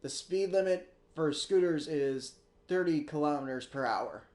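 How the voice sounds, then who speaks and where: [name], a man doing a gruff old sparrow lady. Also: fairly high pitch, measured pace, darkish tone, lightly acted. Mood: stern. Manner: stern, lecturing. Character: gruff older female sparrow, stern cautious driver. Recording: echoey room with guitar music.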